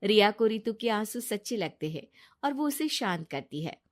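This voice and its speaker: A woman's voice: medium pitch, very animated, moderate pace. Woman narrating a cartoon story.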